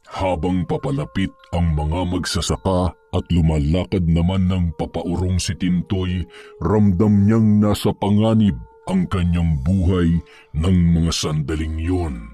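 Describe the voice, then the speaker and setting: A man narrating a scripted horror story in a measured, suspenseful storytelling manner. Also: low-pitched, fairly even intonation, warm tone, soft background music.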